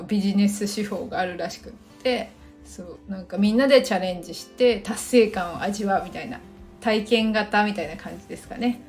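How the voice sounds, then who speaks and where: A woman, a casual livestream host, talks at an everyday middle pitch and keeps wandering off and correcting herself, laughing often. Her few English phrases carry a Japanese accent. Soft music plays faintly behind her. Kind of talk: casual solo livestream chat.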